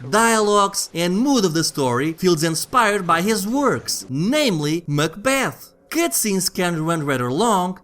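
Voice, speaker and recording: A man's voice: high voice, a bit bright. A man narrating a scripted video game review as its host, conversational and wry. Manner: conversational, wry, jokey asides. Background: background music.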